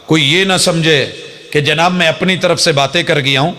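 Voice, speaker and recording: Fiery preacher, high-voiced man. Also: fairly even intonation. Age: middle-aged. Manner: dramatic, mimics opponents' pleading then rises to loud emphatic peaks. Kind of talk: fiery religious speech.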